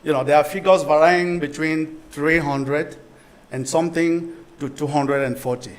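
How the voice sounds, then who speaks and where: A man's voice: on the high side, steady tone, normal speed, rough recording. A middle-aged man from Cameroon giving an academic conference talk, thinking aloud with frequent restarts and asking for the next slide. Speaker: symposium presenter.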